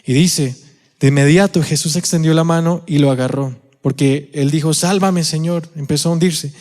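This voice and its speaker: A man with a Colombian accent preaching a sermon in a church auditorium, telling the story with animated acted-out quotes and questions to the congregation. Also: on the high side, normal speed. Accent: Colombian Spanish. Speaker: pastor. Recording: long hall reverb.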